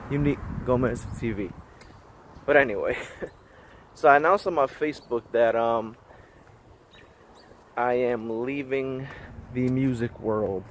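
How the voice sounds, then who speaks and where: A man in his thirties talking casually for his vlog while walking, a bit out of breath, rambling with small laughs. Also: medium pitch. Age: 30s. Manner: rambling, chatty, laughs between thoughts. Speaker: vlogger. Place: outdoors on a busy street, walking. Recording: outdoor recording with loud traffic and wind noise.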